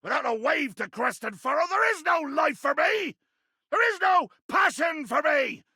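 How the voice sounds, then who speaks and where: A man voicing a bombastic, bloodthirsty pirate captain in a video game, with a raspy, gravelly growl and grandiose, archaic seafaring speech. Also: extremely high pitch, lively intonation, normal speed, sharp tone, no echo, raised voice, clean studio sound, heavily acted. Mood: furious, grandiose. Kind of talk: theatrical video game character acting.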